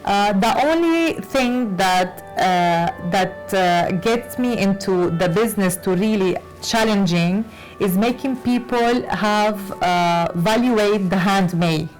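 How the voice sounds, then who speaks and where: Lebanese-born woman designer, hesitant, lots of uhs, soft music under. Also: medium pitch, slow, rough recording. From Lebanese, raised in Latin America. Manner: hesitant, many fillers and restarts. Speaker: fashion designer guest. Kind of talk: conversational interview.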